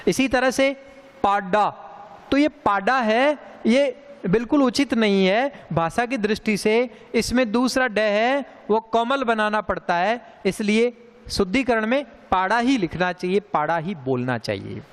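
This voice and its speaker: A man with a fairly high, clear voice teaches a grammar lesson at an unhurried pace. He repeats sounds deliberately for his students. A long reverb hangs behind him. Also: animated.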